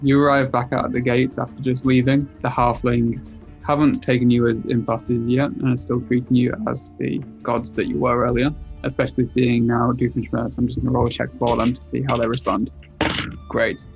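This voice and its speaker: A man narrating as game master in a laid-back, chuckling way. His pitch stays flat and even, and faint music runs underneath. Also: moderate pace, gravelly, highs cut off.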